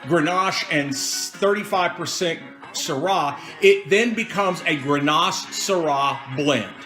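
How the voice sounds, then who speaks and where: A man's voice: on the high side, slow pace, pushed and bright. A man hosting a casual wine show, playful and theatrical in his announcing, prone to wandering off topic. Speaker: host. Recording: music behind the voice. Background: music.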